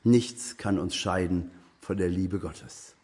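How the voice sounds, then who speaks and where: A man preaching a sermon, earnest and exhorting, his voice lifting higher when he urges his listeners on. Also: slow, darkish tone, slight background noise.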